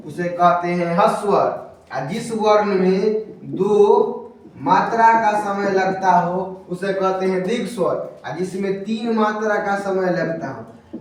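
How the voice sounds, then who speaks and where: A man's voice: sits high, far from the mic. A young man teaching grammar in a casual, chatty lesson, repeating questions to his students. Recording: echoey room, voice from off-mic.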